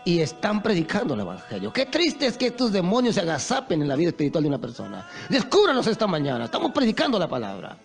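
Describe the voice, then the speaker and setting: A male preacher delivers an impassioned sermon in a high voice. His pitch leaps and falls as he acts out stories. Faint music plays underneath. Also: wildly swooping pitch, quick pace, creaky, hardly any pauses. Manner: impassioned, storytelling with acted quotes.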